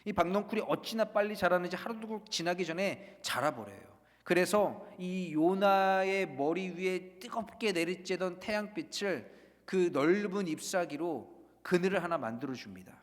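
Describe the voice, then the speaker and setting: A man preaching a sermon as pastor, swinging from loud urging to hushed, almost whispered passages. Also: high voice, expressive, moderate pace. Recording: long reverb of a large hall.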